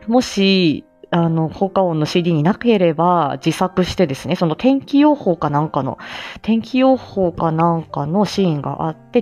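Here an amateur voice drama actress with a lowish, darkish voice chats informally on a live stream, remembering past moments and answering her listeners. She laughs often while joking about herself, and the muffled lo-fi sound includes background music.

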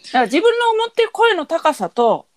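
Woman, Kansai accent, podcast co-host, casual chat, thoughtful and halting, dry close sound. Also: extremely high pitch, big pitch swings, no echo. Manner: thoughtful, searching for words with many fillers.

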